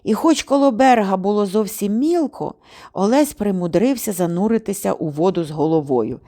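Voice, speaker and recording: A woman giving an expressive audiobook narration. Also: medium pitch, normal speed. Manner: lively, expressive reading. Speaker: audiobook reader.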